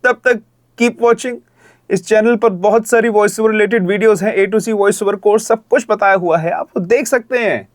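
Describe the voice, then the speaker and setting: A man coaching voice-over, giving friendly, direct feedback on recordings and jumping into energetic demo reads. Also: high-pitched, moderate pace, dry recording, studio quality. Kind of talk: reviewing recordings, with demonstration reads.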